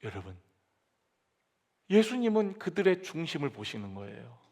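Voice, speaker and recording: A man pastor delivering a lively sermon, acting out quoted voices and dropping to soft asides. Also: fairly high pitch, moderate pace. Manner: animated preaching with dramatic quoted voices and sudden soft drops. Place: church sanctuary.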